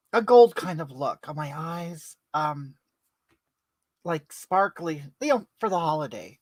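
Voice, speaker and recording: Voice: mid-range voice, no echo, close to an everyday voice. A performer playing a brash older woman who chats through a makeup livestream and greets viewers by name. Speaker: livestream host. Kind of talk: comedic livestream character.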